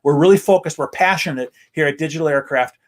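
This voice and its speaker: American guy hosting a casual livestream from the backyard, upbeat, kinda high voice. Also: fast. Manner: upbeat, enthusiastic. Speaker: host. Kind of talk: casual live-stream chat. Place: outdoors in a backyard.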